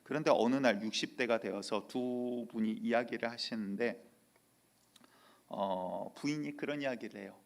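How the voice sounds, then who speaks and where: Pastor guy preaching in church, tells stories, does the voices of people he quotes, normal pitch. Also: normal speed, creaky. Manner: lively storytelling with acted-out quotes. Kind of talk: sermon.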